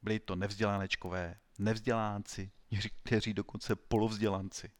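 A man narrating an audiobook story in a wry, even storytelling manner. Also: fairly low pitch, no room sound. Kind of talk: audiobook reading.

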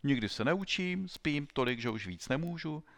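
A man voicing a boastful, dim-witted schoolboy in an audiobook, speaking in a high, strained, whiny voice. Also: expressive, fairly bright tone, dry recording. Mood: smug. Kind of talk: audiobook reading.

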